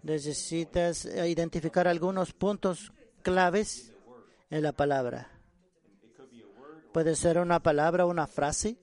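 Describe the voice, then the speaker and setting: A man preaching a sermon on prayer, earnest and halting, often repeating and restarting words. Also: on the high side, fairly even intonation, darkish tone.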